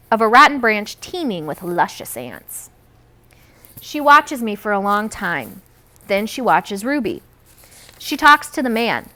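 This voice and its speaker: Narrating in storyteller fashion, a woman reads from a children's book; her slightly high, bright voice rises and falls expressively and with life.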